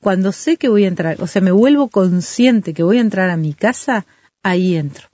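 Woman explaining parenting calmly. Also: mid-range voice, no echo. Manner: measured, explains with everyday examples. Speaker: parenting expert guest. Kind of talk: calm explanatory talk. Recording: dull lo-fi dry sound.

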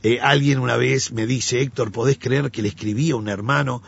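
A man, a pastor telling stories in an animated conversational way and acting out the voices he quotes. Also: mid-range voice, brisk, vocal fry, husky, muffled recording. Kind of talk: conversational teaching.

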